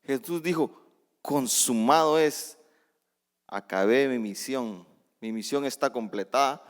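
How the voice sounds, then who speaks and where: A male preacher delivering a sermon, reading scripture and explaining it, shifting between hushed readings and loud emphatic outbursts, with casual asides and self-corrections. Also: medium pitch, slow pace. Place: church sanctuary. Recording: long reverb of a church hall.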